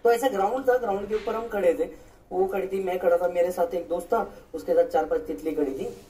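A man's voice: high-pitched, fast, a little hiss or hum. A male teacher telling his class a story from his school days, acting out his friends' voices. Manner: animated, acts out friends' voices. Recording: echoey room from far off.

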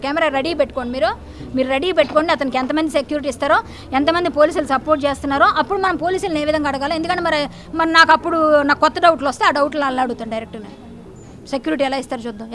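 A woman's voice: high voice, a bit bright, a little hiss or hum. A woman, speaking in a heated news interview in a fiery, defiant and accusatory way.

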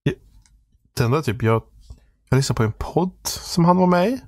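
A man with a Swedish accent co-hosting a casual podcast, making dry deadpan quips. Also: fairly high pitch, no echo. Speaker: podcast co-host. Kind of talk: casual chat.

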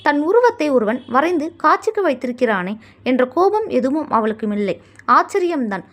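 A woman reading a story aloud, in expressive, measured narration. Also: high-pitched.

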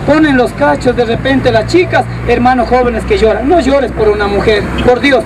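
A man with an Ecuadorian Spanish accent and a very high-pitched voice performs a crude, rowdy street comedy act outdoors at a moderate pace, calling the audience "brother". The mic is distant, with loud crowd and street noise.

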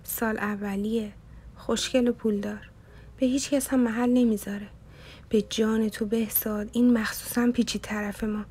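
A woman's voice: a little high, fairly even intonation, warm tone, slightly rough. A woman reading the part of a cheeky young male student who cracks jokes through teasing mock curses. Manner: mock-cursing, teasing banter.

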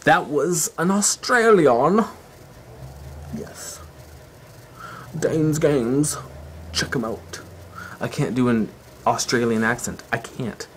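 A man's voice: medium pitch, slow pace, long pauses, slight background noise. A man from Canada hosting his own video channel, chatting casually and joking in a laid-back way. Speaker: channel host. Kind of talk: casual vlog chat.

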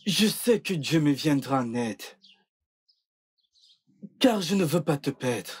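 A husky hot-tempered husband. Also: male voice, on the high side, big pitch swings, slow, exaggerated voice. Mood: remorseful. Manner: pleading in confession, then shouting threats. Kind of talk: dubbed film acting.

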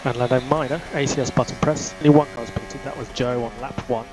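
A man's voice: medium pitch, fairly even intonation, fairly quick. A man giving clipped race engineer instructions over a race car radio, repeating key calls. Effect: race car team radio. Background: car engine noise.

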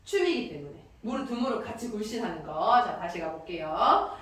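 A woman teaching a dance class, calling out counts and giving brisk instructions. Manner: brisk, lively beat counting with high calls. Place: dance studio with mirror. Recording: echoey studio, distant from mic.

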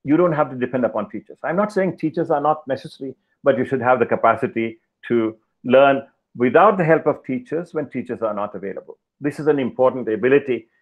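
An older man giving a keynote lecture over slides on a video call, talking in a measured, deliberate way with pauses and fillers. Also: mid-range voice. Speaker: keynote speaker. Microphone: headset, video call. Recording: slightly dull video-call audio.

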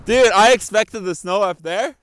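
An excitable young man, a skier and vlogger, talks casually while ski touring in a snowy mountain couloir, captured by an action camera worn on his body. His voice is high-pitched and smooth at a normal speed, and he swears, laughs a lot and keeps saying "dude."

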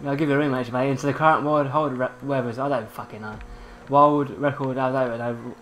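A young man giving casual, excitable gameplay commentary, swearing and laughing often. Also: mid-range voice, fast, a little hiss or hum. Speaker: gaming channel host.

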